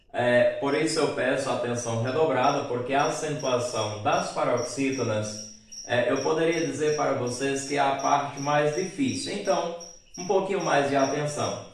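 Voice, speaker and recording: Male teacher, slow and deliberate delivery, spells out word endings; very echoey room, mic at a distance. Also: mid-range voice, slight background noise. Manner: asks questions in a student's voice and answers them. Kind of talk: recorded grammar lesson.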